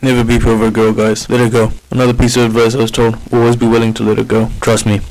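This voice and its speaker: A man's voice: mid-range voice, completely flat delivery, fast talker, a little mellow, low-quality recording. A man hosting a video, giving viewers matter-of-fact advice and commentary.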